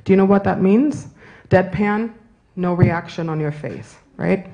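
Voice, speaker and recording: Slow, mellow-voiced woman lecturer. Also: fairly low pitch, gravelly, muffled recording. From Germany and Italy. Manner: discursive, self-correcting, asks "right?". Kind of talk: university lecture and Q&A. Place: university auditorium.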